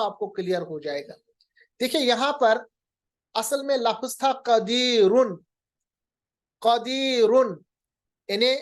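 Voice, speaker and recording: Man, recitation teacher, unhurried lecture delivery, patient and repetitive, spells out examples. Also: very high voice. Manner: patient, repeats each rule and slowly sounds out examples. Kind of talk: recorded lecture lesson.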